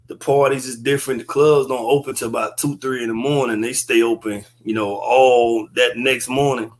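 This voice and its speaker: A relaxed man in his thirties, chatting as a guest in an easy, slang-filled drawl. He sits indoors and talks into a webcam on a video call. His voice sits at an ordinary middle pitch. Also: normal speed. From Texas. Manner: laid-back and slangy. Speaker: guest comedian. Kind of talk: casual interview chat. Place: indoor room.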